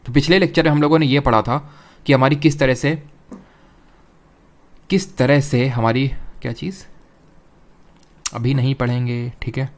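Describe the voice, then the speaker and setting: Young guy tutor lecturing geography for exam prep, mid pitch, keeps asking "clear?". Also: fairly even intonation, normal speed, long pauses. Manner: explanatory, mixes English terms, asks "clear?" often. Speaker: teacher.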